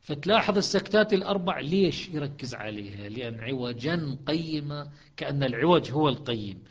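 A man with an Iraqi accent teaching a class on Quran recitation, patiently explaining and slowing down to recite verses. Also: a little high, lively intonation. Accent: Iraqi Arabic. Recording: dull lo-fi recording.

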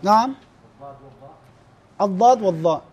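High-voiced man teaching recitation. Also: expressive, darkish tone. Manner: explains scoring plainly, slows down to demonstrate recited verses; clears his throat now and then, restarts words. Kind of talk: classroom lesson on recitation errors.

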